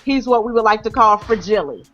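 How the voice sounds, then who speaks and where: A woman co-hosting a casual sports chat podcast, sarcastic and quick to laugh. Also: medium pitch, lively intonation, fairly bright tone, muffled recording, faint music behind. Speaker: podcast co-host.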